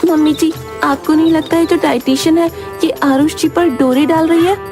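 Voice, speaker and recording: A woman's voice: high-pitched, steady tone, moderate pace, natural voice. A woman playing a greedy cheeky young bride. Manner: cheeky, whiny. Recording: voice over background music.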